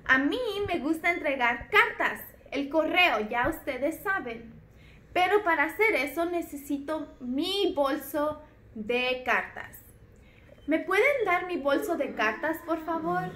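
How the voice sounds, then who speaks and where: Una mujer haciendo un cartero alegre de títere. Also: female voice, high-pitched, expressive, slow pace, a bit bright, heavily acted. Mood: cheerful. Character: friendly cheerful male mailman puppet.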